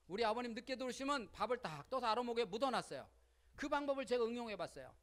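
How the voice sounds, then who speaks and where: Lady lecturer at a seminar, high voice that jumps all over, chatty, keeps asking the crowd stuff. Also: expressive, fast. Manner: colloquial, with frequent rhetorical questions and acted-out quotes. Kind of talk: lively lecture to a seminar audience.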